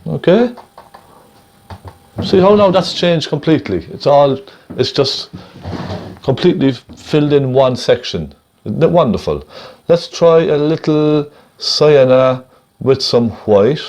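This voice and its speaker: Gentle painting instructor, a man. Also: fairly high pitch, animated, slight background noise. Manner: gentle, encouraging, unhurried; thinks aloud while painting. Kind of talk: casual step-by-step painting demonstration.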